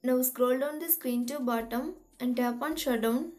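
A woman hosting a tutorial, reading step-by-step instructions in an even, methodical way. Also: high voice, normal speed, faint music behind. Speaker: tutorial host. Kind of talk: scripted step-by-step tech tutorial.

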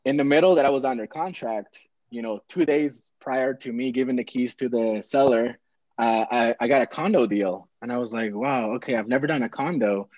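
Chatting from a small room at home, a young man from Peru, a real estate investor guest, tells a loose, rambling story full of fillers and restarts over a video call with earbuds. His voice is medium-pitched and darkish, and he speaks at a moderate pace. The video call audio sounds dull and dry.

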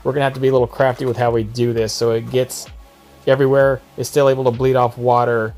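A father who hosts a boat-building channel narrates each step of his work casually and practically, filming on a wearable camera in an outdoor driveway workshop beside a boat. He talks fast in a flat, medium-pitched, darkish voice over soft background music.

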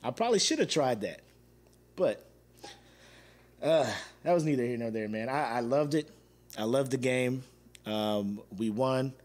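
A man hosting his own show, chatting casually and telling an animated story full of slang and laughter. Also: mid-range voice, a little slow, long pauses. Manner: waves at viewers watching live. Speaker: podcast host. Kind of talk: casual solo chat.

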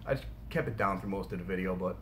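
A man in his forties, an urban explorer vlogger, talking casually to camera in a big old mill room, relaxed and hesitant, often repeating words. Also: deep voice, fast, slight background noise. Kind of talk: casual vlog talk to camera. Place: indoors in a large old mill room by pipes. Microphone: camera at table distance.

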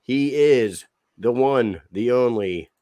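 A man's voice: mid-range voice, slow, warm tone, slight background noise. A young man hosting a podcast, brashly reading sponsor plugs and hyping his guest in casual talk. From Boston area. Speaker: podcast host. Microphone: studio mic on arm, headphones.

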